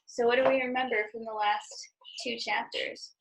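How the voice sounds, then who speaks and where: A woman with a fairly high voice reads a children's book aloud at home, stopping now and then to ask patient questions. A faint noise runs underneath. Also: steady tone, moderate pace, a crowd in the background, low-quality recording. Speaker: parent reading aloud.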